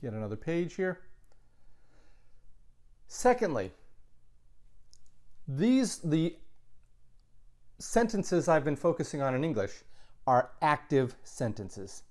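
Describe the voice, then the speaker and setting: A man teaching a recorded grammar lesson, explaining slowly and patiently, sometimes correcting himself mid-sentence. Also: fairly high pitch, sing-song, darkish tone. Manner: slow, patient explaining with self-corrections and asides. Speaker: Latin teacher.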